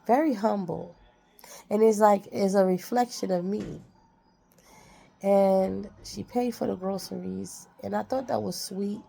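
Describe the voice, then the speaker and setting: A woman's voice: medium pitch, unhurried, gravelly, warm tone. A woman talking casually to her viewers, giving heartfelt, preachy advice and repeating phrases for emphasis. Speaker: vlogger. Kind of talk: casual motivational talk.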